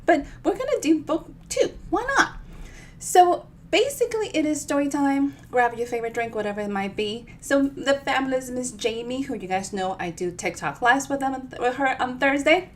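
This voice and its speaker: With a high pitch, lively intonation and moderate pace, a woman from the Dominican Republic hosts a storytime livestream as an author. Her talk is casual, bubbly and playful.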